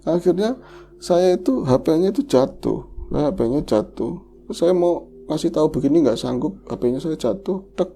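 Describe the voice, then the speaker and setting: A man's voice: on the high side, animated, normal speed, vocal fry, warm tone, a little hiss or hum. A man hosting a horror podcast, emotionally retelling a listener's tragic story in the first person.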